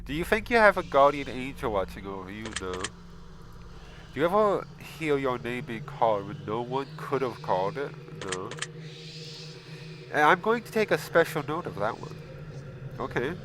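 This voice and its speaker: A man hosting a casual gaming video, reading questions aloud and answering them bluntly, with frequent swearing and loud exasperated outbursts. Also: mid-range voice, big pitch swings, moderate pace, pauses often, slight background noise. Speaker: gaming channel host. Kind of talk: casual game commentary.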